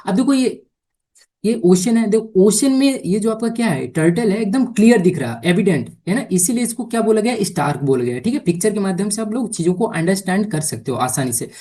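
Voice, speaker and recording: A woman teaching English vocabulary for exams, explaining patiently in Hindi mixed with English and often asking whether it is clear. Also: mid-range voice, expressive, brisk, warm tone. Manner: mixes Hindi explanation with English words and sentences. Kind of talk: exam-prep vocabulary lesson.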